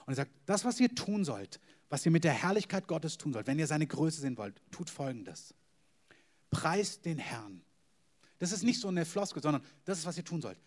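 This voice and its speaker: A man preaching a sermon to a congregation, emphatic, with sudden loud stresses and hushed, whispered asides. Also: on the high side, big pitch swings, a little fast, hardly any pauses. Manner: addresses the congregation directly.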